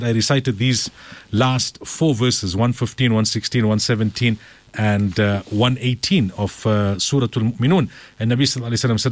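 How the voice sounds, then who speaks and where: A man teaching a Quran commentary class, reciting Arabic verses quickly and then explaining them in English with animated delivery. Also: medium pitch, no room sound.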